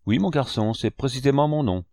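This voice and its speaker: A man's voice: mid-range voice, fairly quick, mellow, dry recording, studio quality, voice pushed up, close to an everyday voice. A man reading an audiobook, voicing a scheming one-legged innkeeper who blusters with theatrical indignation. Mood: hearty.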